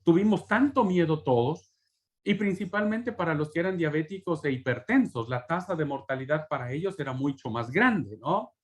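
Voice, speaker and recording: Man, higher-pitched voice, earnest, emotional testimony, addresses class as brothers, frequent tag questions. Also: animated, normal speed.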